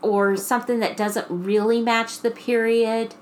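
A woman co-hosting a podcast, telling a creepy story in casual chat with drawn-out, restarting phrases. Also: fairly high pitch, steady tone, slight background noise. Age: adult mother. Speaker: podcast co-host.

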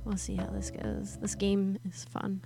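A woman's voice: mid-range voice, flat delivery, measured pace, creaky, music in the background. A woman co-hosting a livestream, switching between casual banter and reading aloud. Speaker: prank-call livestream co-host.

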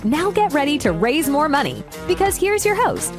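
A woman's voice: high voice, very animated, normal speed. A woman announcer reading a scripted show intro with punchy promotional delivery. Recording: voice over music. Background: music.

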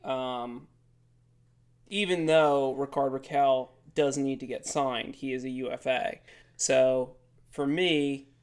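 A man's voice: mid-range voice, steady tone, slow pace, clear, resonant tone. A man co-hosting a podcast with casual sports talk, nasal as he gets over a sinus infection. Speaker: podcast co-host.

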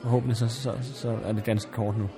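A man's voice: fairly low pitch, flat delivery, a crowd in the background, voice pushed down, natural voice. A man playing a worried, hesitant pub worker in an improvised comedy sketch. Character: nervous male pub worker.

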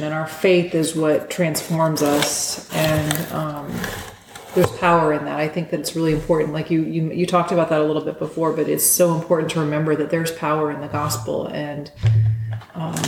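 A woman's voice: low-pitched, echoey room, noisy background. A woman co-hosting a casual family faith podcast, talking earnestly with frequent ums. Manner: earnest, hesitant with many ums. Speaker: podcast co-host, mother.

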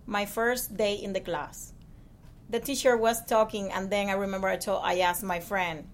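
A woman in her thirties from Cuba with a Cuban Spanish accent, speaking earnest, halting English with frequent restarts as an interview guest. Spanish is her first language. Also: medium pitch, steady tone, a little hiss or hum. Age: 30s. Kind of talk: casual interview.

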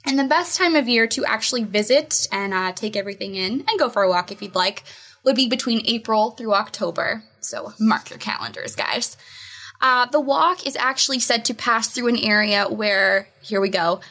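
A woman's voice: on the high side, moderate pace, pushed and bright. A woman from the United States co-hosting a podcast in casual chat, giggly and stumbling over unfamiliar place names. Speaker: podcast co-host.

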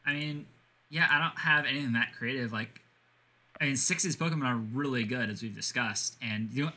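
A man's voice: medium pitch, normal speed, sharp tone. A man on a casual podcast, thinking aloud hesitantly with many fillers.

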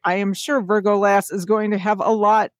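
A woman co-hosting a podcast in casual chat, chatty and quick to giggle. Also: mid-range voice, flat delivery, dry recording, clean studio sound. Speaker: podcast co-host.

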